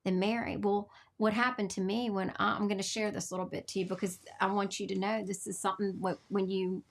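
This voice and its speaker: A woman's voice: medium pitch, fairly quick, vocal fry. A middle-aged woman, hosting a podcast and telling an emotional story. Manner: animated storyteller, emotional and laughing. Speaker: podcast host. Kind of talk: casual heartfelt chat.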